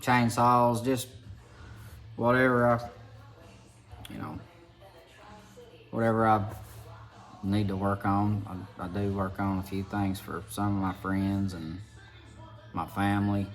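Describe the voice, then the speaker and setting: A man's voice: lowish voice, level tone, takes it slowly, pauses often, faint music behind. A man with an Appalachian hillbilly accent talks in a folksy, rambling way, like a mechanic giving a casual hands-on video tutorial.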